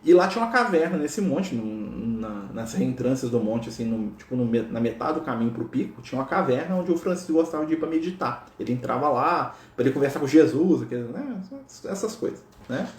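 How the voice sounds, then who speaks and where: With a Brazilian Portuguese accent, a spiritual speaker from Brazil recounts a religious story in a relaxed, chatty style full of tag questions. He talks fairly quickly with few pauses, his medium-pitched voice animated and darkish, in a room with noticeable echo.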